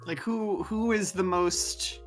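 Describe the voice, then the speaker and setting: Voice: medium pitch, steady tone, slow pace, soft background music. A co-streamer in casual chat while gaming, rambling through long thoughts with fillers, restarts and casual swearing. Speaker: co-streamer, guest.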